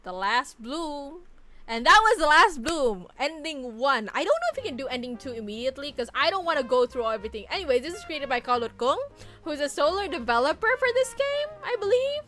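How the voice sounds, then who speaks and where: Excitable high-voiced woman streamer. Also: quick pace, soft background music. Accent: Indonesian. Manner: playful, excitable, swearing banter. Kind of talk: casual game commentary.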